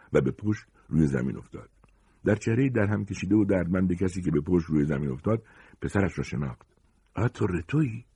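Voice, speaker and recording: A man reading a short story aloud with expressive, dramatic narration. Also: low voice, husky, no echo.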